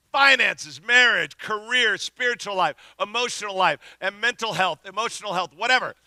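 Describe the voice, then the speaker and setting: A middle-aged man preaching a sermon as pastor, telling a story with animated energy and shouting at the big moments. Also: sits high, no room sound.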